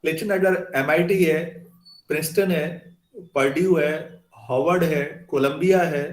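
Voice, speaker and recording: A male teacher lectures his class in an easy, conversational way and keeps asking whether the students follow. His voice sits a little high. The classroom gives it a noticeable echo. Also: unhurried. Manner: conversational, asks students questions. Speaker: math teacher.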